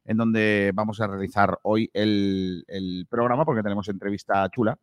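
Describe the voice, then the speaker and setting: Low-voiced man hosting sports radio. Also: fairly even intonation, moderate pace, no room sound, clean studio sound. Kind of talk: casual, conversational radio presenting. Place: stadium press room.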